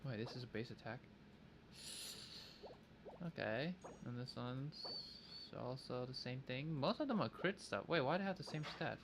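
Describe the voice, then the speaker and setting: In a medium-pitched, expressive voice at a normal speed, with long pauses, a man talks through his gameplay on a livestream. The streamer muses aloud using silly, kid-like wording, and a little background noise can be heard.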